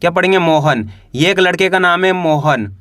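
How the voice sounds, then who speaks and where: A man's voice: high-pitched, normal speed, fairly bright tone, no room sound, clean studio sound. A man teaching English reading, spelling each word letter by letter and then asking the listener to repeat it.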